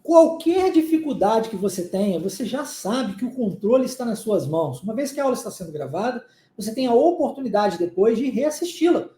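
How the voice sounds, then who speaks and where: A man's voice: sits high, big pitch swings, fairly quick, few pauses, dark tone, echoey room. A man from Minas Gerais with a Minas Gerais Brazilian Portuguese accent, an English teacher giving a recorded online lesson and checking in often with short questions.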